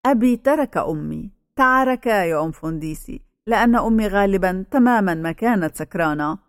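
A woman's voice: mid-range voice, lively intonation, brisk, no echo, clean studio sound, close to an everyday voice. A woman voicing a timid teenage girl.

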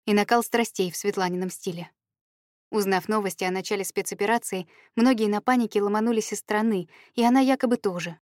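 Young woman narrating her memoir audiobook, mid pitch, very dry close sound. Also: brisk, darkish tone, no room sound.

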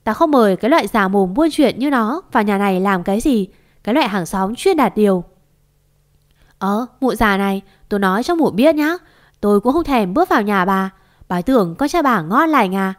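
Woman voicing a brash shouting neighbor woman. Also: medium pitch, lively intonation, a little fast, lightly acted. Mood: angry. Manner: shouting, insulting. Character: brash, foul-mouthed middle-aged woman neighbor.

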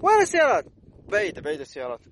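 Gulf arabic guy chatting fast and bouncy to little kids outside, noisy background. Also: sits high. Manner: playful, coaxing, animated. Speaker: vlogger. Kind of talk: casual talk to small children. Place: outdoor playground by a hill.

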